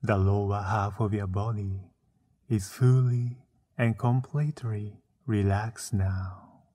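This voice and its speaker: Slow, deep, mellow male meditation guide. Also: fairly even intonation, husky. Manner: soothing, unhurried delivery with frequent pauses.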